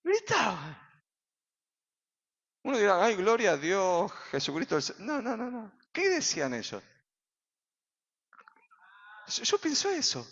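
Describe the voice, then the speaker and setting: A man with an Argentine accent, a pastor preaching a sermon in a church, full of rhetorical questions and sudden shouts. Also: high-pitched, wildly swooping pitch, a little slow, long pauses. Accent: Argentine Spanish. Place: church sanctuary. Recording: reverberant hall, dull sound.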